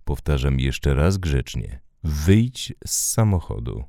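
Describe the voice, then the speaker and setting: A man's voice: very deep voice, very animated, takes it slowly, gravelly, mellow, no echo, studio quality, full character voice. A man reading a curt, protective male driver. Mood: stern. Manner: curt, commanding. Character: male driver, protective, barely holding his anger.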